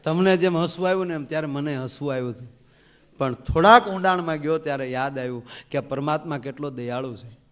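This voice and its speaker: Animated man telling jokes. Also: a little high, quick pace. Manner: animated, acts out characters, big loud swings. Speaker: folk comedian. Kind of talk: live stand-up storytelling.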